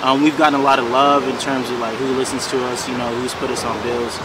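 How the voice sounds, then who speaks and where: A man in his twenties, a musician being interviewed, talking in a relaxed way with lots of "you know" fillers. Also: mid-range voice, fast talker. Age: 20s. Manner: laid-back, many fillers like "you know". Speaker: musician guest. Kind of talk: casual interview chat. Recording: distant mic, loud outdoor traffic noise.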